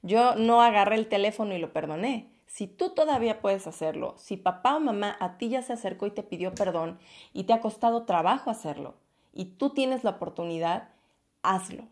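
A woman's voice: medium pitch, animated, moderate pace. A woman giving a passionate, emphatic motivational talk to her viewers. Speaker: vlogger.

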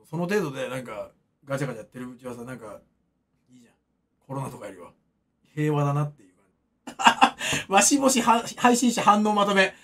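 A man's voice: mid-range voice, slightly rough. A man in his thirties, a streamer, rambling and joking as he reacts to chat comments in a casual stream. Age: 30s.

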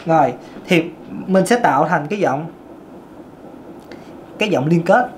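A man's voice: fairly high pitch, lively intonation, a little slow, slight background noise. A man, a vocal coach giving a casual singing lesson and talking straight to his viewers. He demonstrates different vocal registers as he explains them. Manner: chatty, addresses viewers directly.

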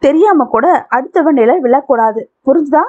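A woman's voice: high-pitched, moderate pace, a little mellow, close to an everyday voice. A woman reading the part of a possessive, violent young man in love, in a domineering tone. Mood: threatening. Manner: menacing, domineering. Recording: tinny phone-like audio.

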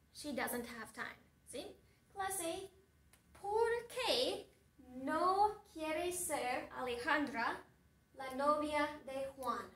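Teacher woman, high voice, very slow and deliberate storytelling, quizzes the class, roomy distant sound. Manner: slow and deliberate, asking the class questions and recapping. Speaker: Spanish teacher.

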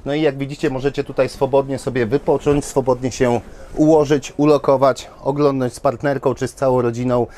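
A man's voice: medium pitch, flat delivery, fairly quick, dark tone. A man in his thirties presenting caravans at an indoor trade fair, chatting to viewers with lots of fillers, on a lapel mic. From Poland. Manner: enthusiastic, talks straight to viewers with many fillers. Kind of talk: walkthrough presentation.

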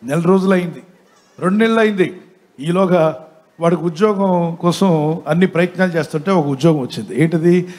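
A man's voice: fairly high pitch, normal speed, pauses often, a little mellow. A male pastor giving a live sermon, telling a humorous story and calling out to the congregation for responses.

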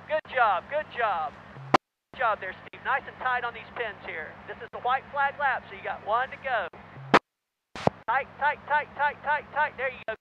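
A man's voice: very high-pitched, expressive, normal speed. A man coaching a racer over two-way radio with urgent, encouraging, repeated short commands. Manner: repetitive, encouraging. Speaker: racing spotter and coach. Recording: muffled radio traffic, loud engine noise.

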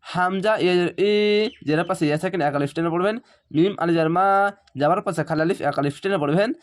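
A fairly high-pitched man leads a Quran reading lesson. He sounds out syllables one by one, then rushes through his explanations in a relaxed, conversational way. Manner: spells out Arabic syllables slowly, then explains in quick conversational asides. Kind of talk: spelling-out recitation lesson.

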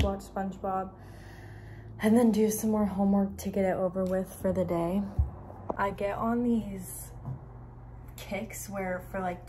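Young woman, casual vlog chatter, soft whispery asides, faint background hiss. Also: mid-range voice. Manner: chatty, often drops to a whisper. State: out of breath on a hike. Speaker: vlogger. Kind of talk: casual day-in-the-life vlog.

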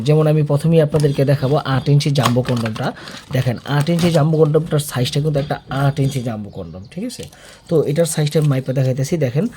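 A man's voice: on the high side, mellow, slight background noise. A man giving an informal product demonstration as an online seller, often checking in with his listeners.

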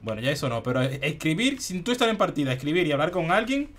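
Very animated and quick, this young gaming streamer from the Dominican Republic talks in a fairly bright voice on the high side. He chats casually about the shooter he's playing indoors at home, mixing in English words.

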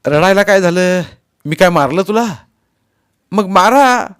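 A man's voice: medium pitch, unhurried, natural voice. A male narrator voicing a proud husband who bristles with anger and snaps back sharply. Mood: angry. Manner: angry, sharp outbursts. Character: proud husband, hot-tempered and offended.

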